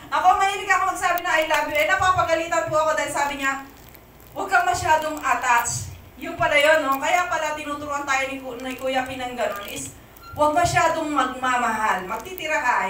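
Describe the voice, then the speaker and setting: A woman's voice: high-pitched, a little fast, bright, forceful tone, a little hiss or hum. A Filipino woman pastor giving a conversational sermon, often asking the congregation "amen?", recorded in an echoey church hall from a distance.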